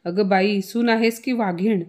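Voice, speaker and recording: A woman's voice: medium pitch, steady tone, a little slow, darkish tone, natural voice. A woman voicing an older mother-in-law who scolds and complains dramatically in a storybook tale. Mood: angry, wailing.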